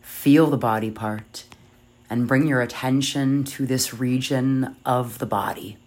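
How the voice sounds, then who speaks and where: A meditation guide leading yoga nidra in a soft, soothing, measured voice with long pauses. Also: mid-range voice.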